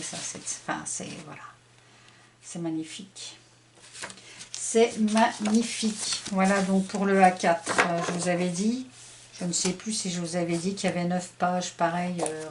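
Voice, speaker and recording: Middle-aged lady showing off her craft papers, lowish voice, lots of um and uh, noisy background. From France. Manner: chatty, hesitant, many fillers. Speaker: scrapbooking vlogger. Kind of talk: casual haul show-and-tell.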